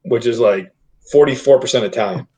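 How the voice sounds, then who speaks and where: A man's voice: medium pitch, fairly quick, dark tone. A man from the Boston area, a guest on a casual podcast, chatty and prone to side stories. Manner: chatty, laughs easily, tells side stories. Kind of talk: casual chat.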